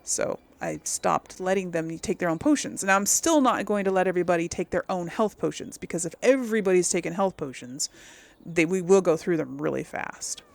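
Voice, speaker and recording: Thinking aloud as she plays, this video game streamer hosts her role-play series with informal, chatty commentary. She speaks briskly in a lowish, expressive, gravelly voice.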